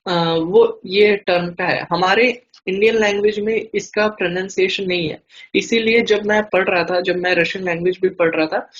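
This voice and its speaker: A man's voice: sits high, muffled recording. A man teaching a language class online, explaining patiently with frequent hesitation fillers.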